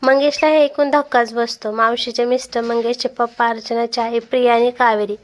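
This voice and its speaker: A woman narrating a dramatic family story in a steady, expressive reading voice. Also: fairly high pitch, a little fast, a little hiss or hum.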